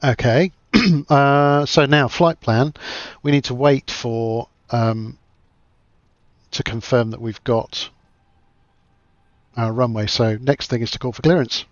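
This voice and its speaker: A man's voice: mid-range voice, steady tone, slow, no echo. Man, dry and slightly muffled, chatting. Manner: self-deprecating, chatty, thinking aloud. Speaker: flight simulator streamer. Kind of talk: casual livestream commentary while playing.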